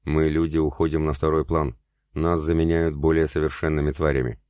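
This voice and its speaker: Guy doing a grave colonel giving a solemn warning, really deep, dry audiobook read. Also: flat delivery, fairly quick, a little mellow, clean tone, no room sound.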